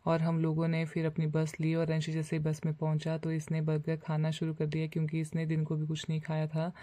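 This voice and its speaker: A young woman narrating her daily vlog as a voice-over, telling it in a relaxed way with frequent "uh" fillers. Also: low voice, brisk, no echo. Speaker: vlogger.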